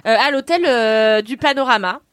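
A young woman telling a travel story on a podcast, animated and slangy, laughing often. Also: on the high side, moderate pace, no echo. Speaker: podcast co-host. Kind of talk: casual chat, storytelling.

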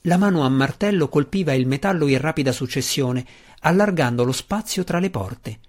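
A man reading a fantasy novel aloud as an audiobook narrator, in a steady, measured way. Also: on the high side.

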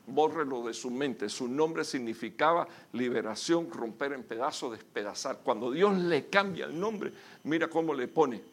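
A male pastor preaching a sermon with emphatic, sudden loud bursts, calling his listeners brother. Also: medium pitch, moderate pace.

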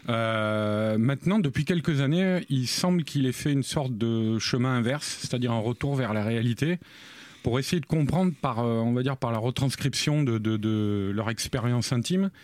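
A man talks through his view of a film, pausing and restarting often as he searches for words. His voice sounds close and dry, with no room around it. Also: mid-range voice, darkish tone, dry recording. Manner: hesitant, many fillers and restarts. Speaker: film critic guest. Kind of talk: casual chat.

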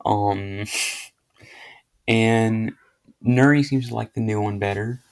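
Gravelly low-voiced young man rambling. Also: steady tone, slow. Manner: rambling, filler-heavy, self-correcting. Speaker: podcast host. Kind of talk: casual solo podcast update.

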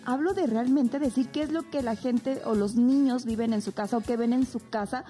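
Woman from Mexico City, co-host; high, mellow tone, lively teasing, light music. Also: normal speed. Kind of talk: casual podcast chat.

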